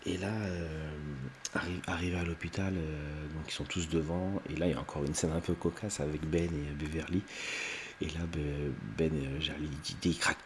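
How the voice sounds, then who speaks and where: In an unedited, casual retelling for his video audience, a man with an extremely deep voice recaps a film. He rambles, stumbling over many fillers and restarts, and occasionally raises his pitch briefly to act out a character's lines. A faint hiss sits beneath the recording.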